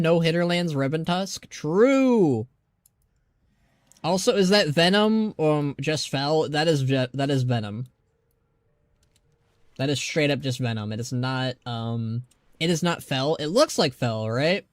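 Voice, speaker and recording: A man's voice: a little high, lively intonation, slow pace, pauses often, no room sound. A man doing casual live game commentary, rambling conversationally as he thinks aloud. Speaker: live streamer.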